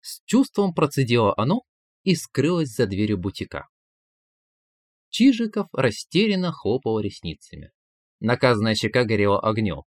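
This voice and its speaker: A man narrating a comic story aloud in a lively, wry storytelling manner into a close mic. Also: medium pitch, normal speed, no room sound. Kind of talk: audiobook storytelling.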